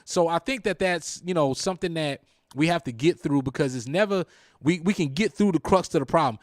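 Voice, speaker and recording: A man hosting a talk show, telling stories in a lively, animated way with a Southern American accent. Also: on the high side, brisk, no room sound, studio quality. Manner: animated storyteller, acts out quoted lines. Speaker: radio show host. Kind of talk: casual talk show chat.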